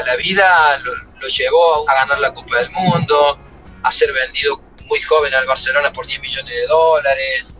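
A man's voice: on the high side, pushed and bright, highs cut off. A middle-aged man with an Argentine Spanish accent, a former footballer and coach telling stories from his career in an interview. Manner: emotional, reflective storytelling. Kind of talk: interview answers.

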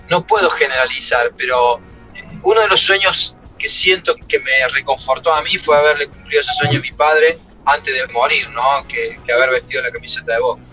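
The ex-footballer and coach, a middle-aged man with an Argentine Spanish accent, reflects emotionally on his career in interview answers. His voice is a little high and comes across pushed and bright on dull audio.

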